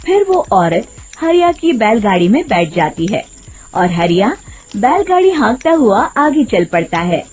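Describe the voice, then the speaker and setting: A woman's voice: on the high side, sing-song, measured pace, darkish tone, faint music behind. A woman narrating a scripted moral story for children.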